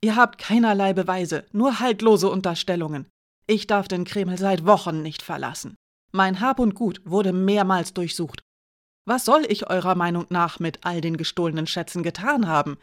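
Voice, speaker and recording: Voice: moderate pace, lightly acted. A narrator voicing a gaunt male chamberlain who wails his protests, in an audiobook. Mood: whining indignant. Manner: wailing, high-strung protests.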